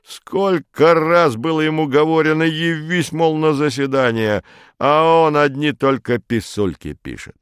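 A man voicing a crude, loud male bureaucrat who blusters coarsely. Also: fairly high pitch, a little slow, smooth, no echo, studio quality, voice pushed up, lightly acted. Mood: blustering.

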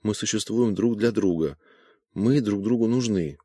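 A man voicing a weary, bitter middle-aged scientist in an audiobook, speaking slowly and dismissively. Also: lowish voice, warm tone, husky, no echo. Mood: brooding. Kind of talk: audiobook character voice.

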